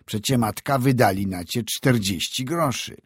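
A man's voice: mid-range voice, unhurried, husky, no room sound, clean studio sound. A man voicing an older village neighbour questioning a boy in a read-aloud story. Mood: probing. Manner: questioning, scolding.

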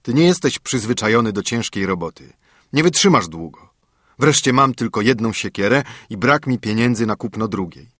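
A worn, poor old woodcutter from a fairy tale, as a storyteller voices him, earnest and fatherly, with a husky voice that moves with a lively lilt. The sound is dry and close. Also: on the low side, moderate pace, dry recording. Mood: concerned. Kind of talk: storybook narration.

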